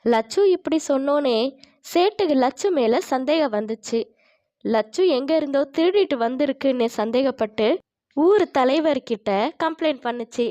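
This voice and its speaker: Woman storybook narrator, fairly high voice, calm and even. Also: normal speed.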